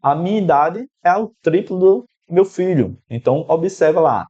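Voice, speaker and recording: A man's voice: fairly high pitch, expressive, moderate pace, mellow, breathy edge. A man with a Brazilian Portuguese accent teaching an exam-prep math lesson, explaining an equation step by step and speaking directly to the student. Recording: slightly dull, lo-fi sound.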